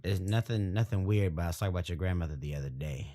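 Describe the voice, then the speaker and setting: A man with a very low voice hosts a relaxed podcast chat. He teases his friends and flatly denies things in a joking way. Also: quick pace. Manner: playful, teasing, denies things firmly. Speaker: podcast host. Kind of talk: casual chat.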